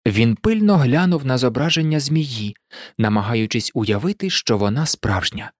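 A narrator reading an audiobook in an expressive, lively way. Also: mid-range voice, normal speed, no echo, studio quality.

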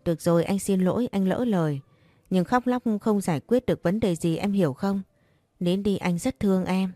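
In an audiobook character reading, a woman with a mid-range, dark-toned voice plays a caring but pushy young man at normal speed, lightly acted. He scolds yet tenderly coaxes a crying friend, and the recording has no room sound.

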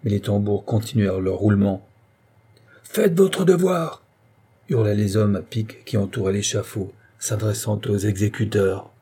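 Dark, husky male audiobook narrator. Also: on the low side, level tone. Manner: measured, dramatic reading. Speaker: audiobook reader. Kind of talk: scripted literary narration.

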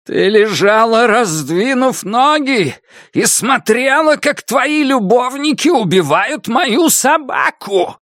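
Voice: medium pitch, animated, takes it slowly, dry recording, studio quality, pitched above the performer's own voice. A reader voicing a spiteful old witch. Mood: harsh, scornful. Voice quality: harsh, cutting. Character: harsh, spiteful old woman, a village witch. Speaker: audiobook narrator voicing a character. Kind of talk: audiobook reading.

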